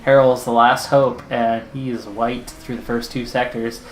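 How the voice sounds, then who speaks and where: A man's voice: mid-range voice, little pitch movement, unhurried, echoey room, slight background noise, poor audio. A man hosting a racing management game video, talking through his race strategy in anxious, pleading running commentary. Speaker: gaming channel host. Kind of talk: let's-play commentary.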